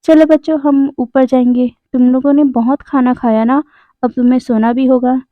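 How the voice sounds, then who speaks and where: A woman's voice: high voice, flat delivery, normal speed, dry recording, natural voice. A woman voicing a stern young man who scolds his partners and children, in a plain reading voice. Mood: gentle. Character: stern young male mother-figure, bossy with partners. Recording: slightly dull, dry close recording.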